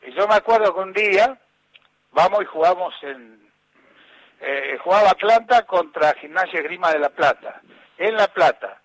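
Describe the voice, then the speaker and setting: His voice sits high and moves at normal speed through poor audio. This older Argentine man, once a footballer, spins meandering stories in an interview, frequently starting over and performing other people's words in his Argentine Spanish accent.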